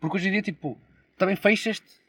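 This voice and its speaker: A man's voice: sits high, brisk, a bit bright, husky, dry recording. A young man with a European Portuguese accent, chatting casually and slangily, with swearing, as a podcast co-host. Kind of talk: casual chat.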